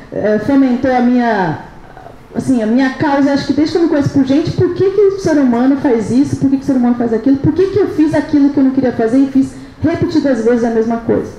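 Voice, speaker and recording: High-voiced Brazilian woman lecturing in an echoey hall. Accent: Brazilian Portuguese. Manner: lively, asks the audience rhetorical questions, checks in with "né?" and "tá?". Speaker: speaker at a leadership event. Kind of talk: live lecture to an audience. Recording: echoey hall with faint noise.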